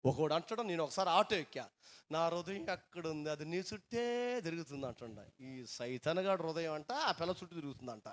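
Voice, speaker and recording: A pastor preaching a sermon in a Telugu Andhra accent, telling stories and calling questions out to the congregation, his voice rising into loud appeals. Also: sits high.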